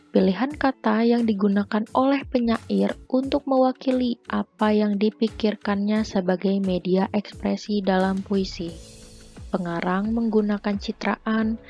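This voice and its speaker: A young woman student presenting a lesson as a voice-over for slides, reading in a measured way that lists points one by one. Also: medium pitch, creaky, mellow. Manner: measured, read-aloud listing. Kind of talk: scripted lesson narration.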